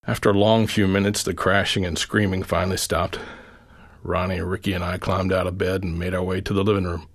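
A middle-aged man reading his own memoir essay aloud, in a quiet, measured storytelling manner. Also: sits low, level tone.

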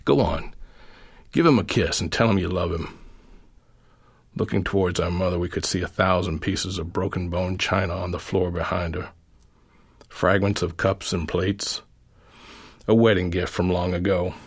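A middle-aged man reading his own memoir essay aloud, in a quiet, measured storytelling manner. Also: low voice, breathy edge.

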